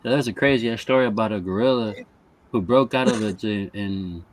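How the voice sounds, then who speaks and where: A man's voice: fairly low pitch, fairly quick, poor audio. A man in casual group chat, talking in a crude, emphatic way.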